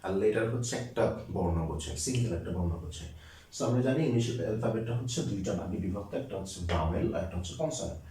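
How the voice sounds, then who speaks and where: A man's voice: on the low side, lively intonation, fast talker, dark tone. A young man from Bangladesh teaching English grammar at a board, explaining step by step and mixing in English terms. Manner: explains step by step, mixes English terms into Bengali, many fillers. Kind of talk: classroom lecture at a board. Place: classroom with a board. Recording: very echoey room, voice from far off the mic.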